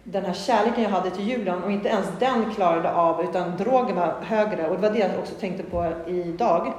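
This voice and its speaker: A woman giving a candid, earnest personal testimony, rambling with many fillers and restarts. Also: a little mellow. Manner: candid and earnest, with sudden rises in pitch. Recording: very echoey hall with long reverb.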